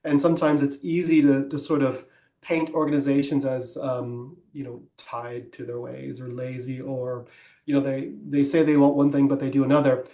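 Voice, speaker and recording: A man co-hosting a business podcast talks through ideas in a considered, explanatory way. He pauses on "um" and restarts his sentences. His mid-range voice carries a noticeable room echo. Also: mid-range voice, little pitch movement, warm tone. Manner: thoughtful, explanatory, with frequent ums and restarts. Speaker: podcast co-host. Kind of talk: conversational business podcast discussion.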